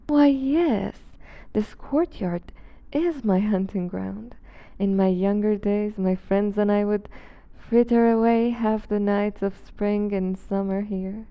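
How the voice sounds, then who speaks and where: A centuries-old vampire duchess, played by a woman, purrs slowly in a creaky, breathy voice. She is refined and predatory, condescending and teasing in formal, theatrical phrasing. It is an intimate ASMR roleplay with slightly muffled sound. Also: medium pitch. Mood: gracious, wistful.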